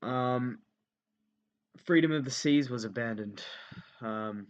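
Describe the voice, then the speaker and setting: A young man with a mid-range voice talks slowly through an unscripted history revision lesson, thinking aloud with lots of ums. He repeats key points as he writes his notes down, and the recording sounds lo-fi.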